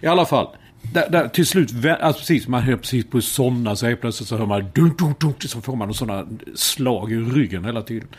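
A man co-hosting a podcast, telling anecdotes in a lively way and swearing freely in casual chat. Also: mid-range voice, husky. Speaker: podcast co-host. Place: home in the United States.

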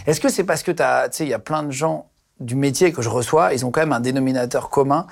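A man hosting a podcast, asking questions in a relaxed conversational way. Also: medium pitch, fast talker, vocal fry. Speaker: podcast host. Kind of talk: casual interview.

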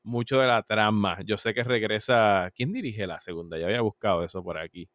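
A man's voice: fairly low pitch, fairly quick, a bit bright, dry recording, studio quality. A man co-hosting a casual film discussion, giving his opinions freely and laughing easily. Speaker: podcast co-host.

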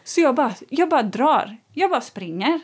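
A woman in casual conversation, telling a personal story in a lively way and acting out what people said. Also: high-pitched, slightly rough. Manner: animated storytelling, acts out quoted lines. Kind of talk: casual chat.

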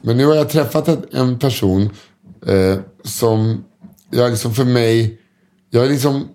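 A man with a warm, mid-range voice hosts a podcast of casual storytelling chat. He rambles, filling his talk with hesitations and restarts.

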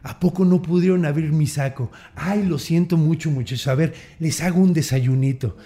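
A man's voice: a little high, moderate pace, mellow, close to an everyday voice. A man with a Mexican accent voicing a huge, easygoing male giant who shrugs off everything in a lazy, cheerful way. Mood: drowsy. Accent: Mexican Spanish.

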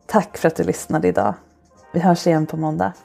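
Woman podcast host reading a steamy story, slow and soft, super gravelly, dark mellow tone. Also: low voice, expressive, faint music behind. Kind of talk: narrated erotic short story.

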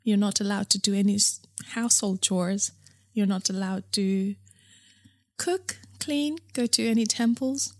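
A woman from Nepal, founder of a period underwear brand, speaks as a guest in a casual interview conversation, frank and chatty with many fillers and restarts. Her mid-range voice is unhurried and a little mellow, captured in a dry recording.

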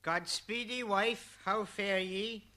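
Brief: a man as aged Noah, grumbling, high bright tone, verse-play delivery. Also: fairly even intonation, takes it slowly, exaggerated voice. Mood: quarrelsome. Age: older. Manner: declaiming verse, grumbling then shouting. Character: weary old man Noah, bossy husband. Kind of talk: old-style verse play.

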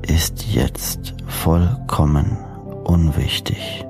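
Slow, very deep male sleep story narrator. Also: creaky. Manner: soothing, measured, deliberate phrasing with pauses. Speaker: host and hypnosis coach narrating sleep meditations. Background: new-age music.

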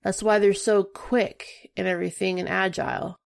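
A woman co-hosting a casual podcast chat, telling stories in an animated way. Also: medium pitch, normal speed, gravelly. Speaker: podcast co-host.

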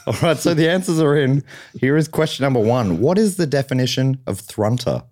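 An Australian man hosting a comedy quiz podcast. He reads out questions and jokes with his guests in a dry, teasing way, his pitch rising and falling freely. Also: lively intonation, normal speed, darkish tone. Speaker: game show host.

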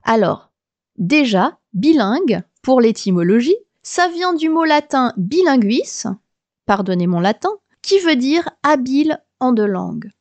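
A woman's voice: sits high, very animated, a little slow, a little mellow, no echo. A woman podcast host from France, in her thirties or forties, explaining things in a chatty, lightly humorous scripted monologue.

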